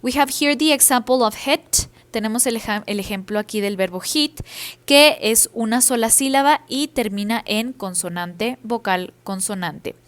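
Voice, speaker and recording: Slow, careful woman teacher. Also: a little high, fairly bright tone. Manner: explains each rule in English then repeats it in Spanish, with fillers. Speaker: English teacher. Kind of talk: bilingual grammar lesson over slides.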